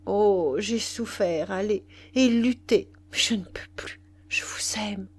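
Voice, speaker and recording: A woman voicing a married woman torn between guilt and love, confessing in a breathless, hushed way, in an audiobook reading. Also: a little high, measured pace, voice pushed up. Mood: anguished. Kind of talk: audiobook character voice.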